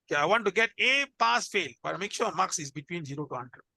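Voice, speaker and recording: A man's voice: sits high, expressive, brisk, vocal fry, bright, forceful tone, dry recording. A man with a Malaysian accent teaching informally as an instructor, in colloquial Malaysian English peppered with 'lah'. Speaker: programming instructor. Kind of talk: informal lesson.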